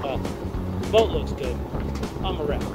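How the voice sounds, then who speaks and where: A man's voice: fairly high pitch, animated, measured pace, loud music behind the voice. A man casually narrating his solo sail, chatty and thinking aloud, recorded outdoors on a sailboat deck on a camera mic. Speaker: sailing vlogger.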